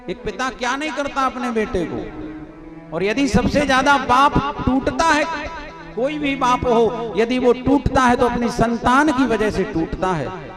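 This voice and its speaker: A man giving a musical scripture discourse as a religious storyteller, telling the story with feeling and singing verses. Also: extremely high pitch. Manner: emotive storytelling with sung verses. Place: religious gathering stage.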